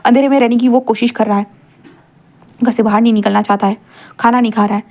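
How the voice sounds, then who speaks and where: A woman's voice: a little high, fairly even intonation, quick pace, darkish tone, natural voice. A woman reading a stern, commanding young man. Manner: firm, commanding.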